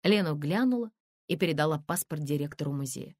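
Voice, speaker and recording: Woman narrating an audiobook, lowish lively voice. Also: brisk, dry recording, studio quality. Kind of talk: scripted narration.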